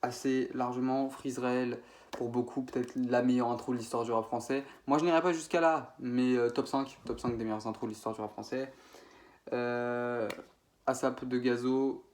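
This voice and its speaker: A man's voice: mid-range voice, steady tone, moderate pace, darkish tone. A young man from France, casually ranking his favorite rap producers, rambling with many fillers and self-corrections. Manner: slangy, informal French. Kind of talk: casual spoken ranking video.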